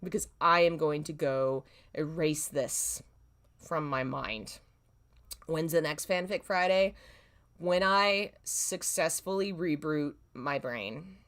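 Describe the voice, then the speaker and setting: Reading her old fan fiction to a livestream audience, a woman pokes fun at herself with dramatic exasperation. Her voice is low and a bit bright, and she takes things slowly.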